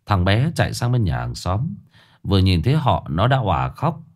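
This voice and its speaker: A male storyteller reads a ghost story with dramatic, expressive delivery. His voice sits fairly low yet moves up and down with lively swings. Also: moderate pace.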